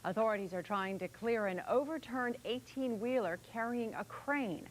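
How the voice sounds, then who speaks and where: A woman's voice: on the high side, moderate pace, slight background noise. A woman anchoring a news broadcast, reading scripted stories.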